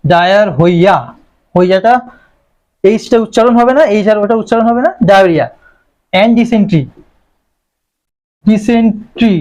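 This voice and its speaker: High-voiced Bengali man lecturing. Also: darkish tone. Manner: explains terms, asks and answers own questions. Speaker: medical lecturer. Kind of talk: classroom lecture.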